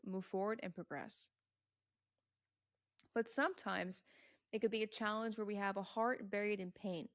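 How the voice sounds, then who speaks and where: A woman talks through a solo motivational podcast with earnest emphasis, often repeating her points and speaking straight to the listener. Her voice sits at an ordinary middle pitch for a woman. The sound is close and dry, with no room echo. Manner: addresses the listener directly and answers imagined questions. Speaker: podcast host.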